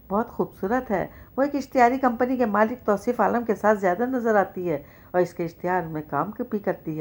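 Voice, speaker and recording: A woman's voice: mid-range voice, darkish tone, close to an everyday voice. A woman reading the part of an obedient male hired informant who reports in a rote way.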